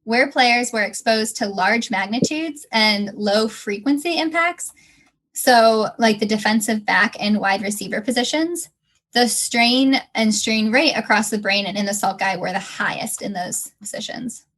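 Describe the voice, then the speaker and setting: Young woman co-host, fairly high voice, bubbly and chatty, explaining research casually. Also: measured pace, fairly bright tone. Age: young adult. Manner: laughs often, bubbly and chatty. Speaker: podcast co-host. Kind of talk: casual podcast chat and science segment.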